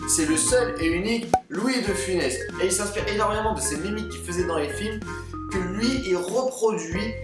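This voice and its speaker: A young woman narrates a video in a chatty, playful way, stretching words for effect. She sounds roomy and distant from the mic, with loud music behind her. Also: mid-range voice, lively intonation, normal speed. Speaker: video host.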